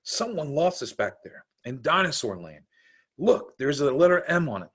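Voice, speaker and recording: A man's voice: on the high side, sing-song, moderate pace, a bit bright, slightly rough, pitched above the performer's own voice, exaggerated voice. A man voicing a puzzled, wondering young schoolboy in a children's storybook read aloud.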